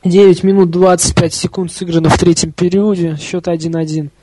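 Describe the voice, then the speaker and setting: High-voiced man calling hockey, partisan and informal. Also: little pitch movement, a little fast, warm tone, no room sound, low-quality recording. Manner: openly partisan fan, chatty and colloquial. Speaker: hockey commentator. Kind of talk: informal live hockey play-by-play commentary.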